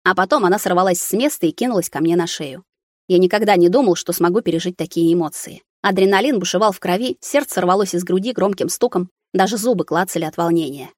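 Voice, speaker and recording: A woman reads a novel in first person, measured and steady. Her voice sits on the low side and the recording is close and dry. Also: no echo. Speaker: audiobook reader. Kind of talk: scripted first-person narration.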